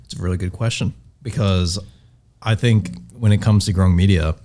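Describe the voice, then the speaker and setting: A man's voice: low voice, steady tone, normal speed, warm tone. A man appearing as a podcast guest, talking in an easygoing, agreeable way in casual chat. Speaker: guest video editor.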